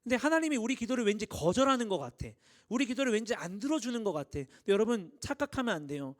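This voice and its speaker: Youth pastor, man in his thirties, high lively voice, playful preaching to teens. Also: fast. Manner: animated, acts out dialogues, asks the audience questions. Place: church hall.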